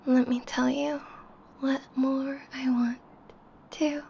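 A woman doing an ASMR role-play as an adoring, seductive lover, speaking slowly and intimately, close to the listener's ear. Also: high voice, flat delivery, vocal fry, dark tone, a little hiss or hum. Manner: slow, lingering delivery with pauses.

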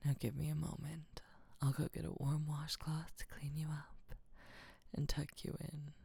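A woman playing a low, whispery caretaker. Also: little pitch movement, unhurried, creaky, husky, dry recording, exaggerated voice. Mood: tender, hushing. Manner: soft whispering, hushing and reassuring. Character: soothing, doting female caretaker. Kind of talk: intimate audio roleplay.

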